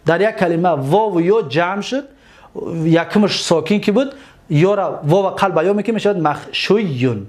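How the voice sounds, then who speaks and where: Lively high-voiced Tajik male teacher. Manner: explains step by step, repeats words, asks the class questions. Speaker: teacher of Arabic morphology. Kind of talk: classroom lecture.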